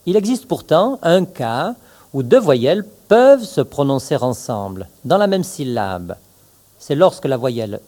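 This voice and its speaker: A male teacher in a recorded pronunciation lesson pronounces each word very slowly and with deliberate care. His pitch swings widely as he stresses syllables for learners to repeat. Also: warm tone. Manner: slow, carefully articulated, stresses syllables. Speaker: language teacher.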